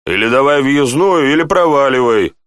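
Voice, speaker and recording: A man voicing a rude, gap-toothed male gate guard who talks gruffly and grumbles, raised above his own voice. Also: mid-range voice, very animated, slow, a bit bright, dry recording, clean studio sound, full character voice. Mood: surly.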